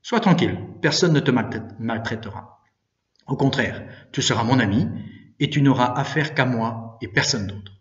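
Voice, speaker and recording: A man playing a gentle, kindly priest. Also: mid-range voice, expressive, normal speed, echoey room, lo-fi sound, close to an everyday voice. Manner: gentle, questioning.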